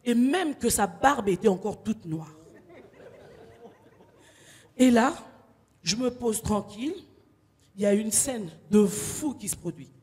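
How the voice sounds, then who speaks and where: Girl doing stand-up, slangy, husky, hall reverb ringing. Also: fairly high pitch, slow pace, long pauses. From DR Congo. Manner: animated storytelling, street slang. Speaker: stand-up comedian. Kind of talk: stand-up comedy set.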